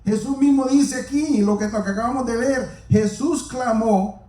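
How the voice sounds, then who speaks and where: A man preaches a sermon in an extremely high, dark-toned voice at normal speed, speaking earnestly and repeating himself as he addresses the congregation directly. The mic sits far off, leaving a roomy echo.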